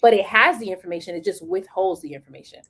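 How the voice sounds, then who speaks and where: A woman hosting a casual live chat, sassy and animated, acting out what she says to the software. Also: mid-range voice, fast, slightly rough. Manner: animated, sassy, acts out quotes. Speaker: host.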